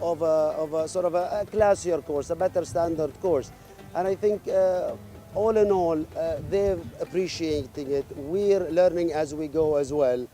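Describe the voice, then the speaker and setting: A man's voice: on the high side, warm tone. A man speaking for a golf club in an interview, hesitant, with many fillers and restarts. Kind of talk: interview answers.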